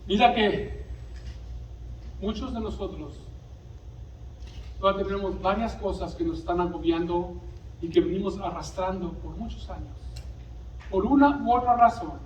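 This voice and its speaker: A man's voice: sits high, moderate pace, long pauses, slight background noise. A man preaching a sermon and tossing frequent questions to the congregation. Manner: preaches with call-and-response asides. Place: church sanctuary. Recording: echoey distant church recording.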